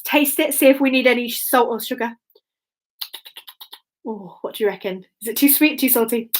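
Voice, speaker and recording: Here a woman whose voice sits high narrates a bedtime story that invites young children to join in. Sing-song phrasing and dramatic pauses shape her expressive, encouraging manner.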